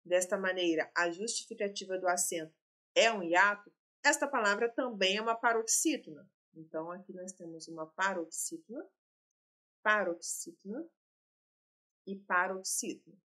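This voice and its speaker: A woman's voice: medium pitch, normal speed, pushed and bright. A woman, teaching and working through exam questions, explaining and talking straight to her students. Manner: explanatory, addresses students directly.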